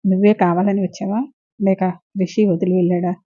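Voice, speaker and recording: A woman voicing a gentle, concerned middle-aged father who asks soft questions, in a dull lo-fi recording. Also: mid-range voice, level tone, a little fast, dry recording, lightly acted.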